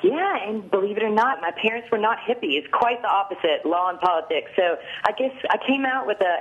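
Woman from tennessee calling in to a radio quiz, sounds like a smooth late night dj. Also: medium pitch, lively intonation, brisk, dull audio. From Southern US (Tennessee). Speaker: call-in contestant. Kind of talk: casual phone-in chat.

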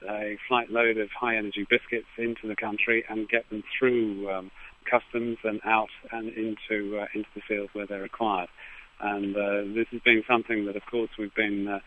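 Man, halting interviewee, flat delivery, thin telephone sound. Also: on the low side. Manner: hesitant, halting with repeated false starts. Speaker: aid agency representative, interviewee. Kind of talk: live news interview. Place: phone call to a radio studio. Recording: tinny phone line.

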